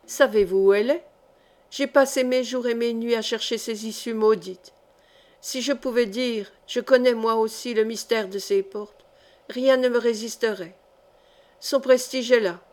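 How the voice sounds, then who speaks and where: A woman's voice: a little high, fairly even intonation, unhurried, darkish tone, lightly acted. A woman reading an audiobook, voicing a proud, feverish male brigand chief who speaks in fierce, broken bursts. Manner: fierce, broken, vehement speech.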